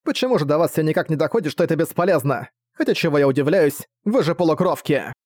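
A man's voice: a little high, lively intonation, fast talker, a little mellow, no room sound, clean studio sound. A man voicing a haughty, cruel young female villain in an audiobook, cold and scornful. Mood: furious. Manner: cold, scornful, spitting words. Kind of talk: audiobook character voice.

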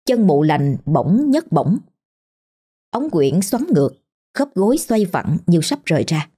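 A woman narrating a horror story in a slow, hushed, ominous manner. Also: on the low side, big pitch swings, husky. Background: faint music.

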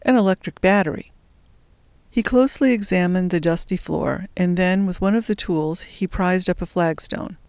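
A narrator reading a story aloud at a steady, even storytelling pace. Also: medium pitch, moderate pace, few pauses, no echo. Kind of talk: audiobook narration.

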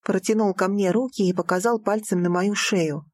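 A woman reading a first-person audiobook aloud, expressive and lifting her voice for the heroine's lines. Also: mid-range voice, normal speed, dry recording, clean studio sound. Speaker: audiobook narrator.

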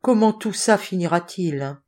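A woman's voice: on the low side, animated, measured pace, mellow. A woman reading the part of a forgetful old male clerk who speaks in a plaintive way.

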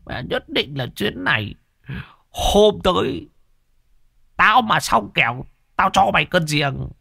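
A man's voice: on the low side, wildly swooping pitch, unhurried, no echo, studio quality, heavily acted. A man voicing a crude, drunken, boastful old village man who curses and shrieks. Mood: shrieking disgust. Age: older.

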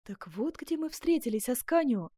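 A woman's voice: sits high, big pitch swings, normal speed, warm tone, slightly rough, no echo, voice pushed up, exaggerated voice. A woman voicing a passionate noble duchess with a melodious, pleading voice, in a dry close recording. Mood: exclaiming.

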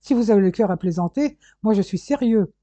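A dazed, sour male captive in an audiobook, as a reader puts him on. He stammers through his answers in a pitched-up voice with a very dark tone, and the recording sounds dull and dry. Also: moderate pace, no room sound, lightly acted.

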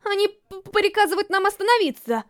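A woman's voice: extremely high pitch, animated, brisk, voice pushed up. Iris, a stammering timid robot girl, as a woman puts her on. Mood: panicky. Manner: stammers in panic. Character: timid stammering young female robot housemaid. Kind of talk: storybook reading.

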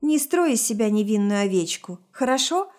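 A woman reading aloud puts on a jealous young woman close to hysteria. Her voice pitches high and loud, shrill and accusing, pushed well above the calm narration. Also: normal speed. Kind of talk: audiobook reading of a story.

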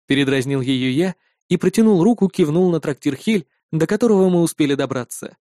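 A man's voice: fairly high pitch, animated, fairly quick, mellow, no echo, studio quality. A man narrating a first-person fantasy story in a wry, ironic tone. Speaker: audiobook narrator.

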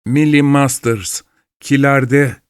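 A man's voice: medium pitch, fairly even intonation, takes it slowly, smooth, no room sound, clean studio sound, voice pushed up, natural voice. A man voicing a sly, grim old spinster woman who murmurs and cackles, in a storybook reading. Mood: confiding.

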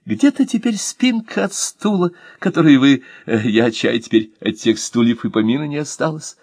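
A man's voice: medium pitch, expressive, normal speed, a little mellow, no echo, studio quality, pitched above the performer's own voice. A man reading an audiobook and voicing a nostalgic, effusive former cardsharp. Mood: wistful.

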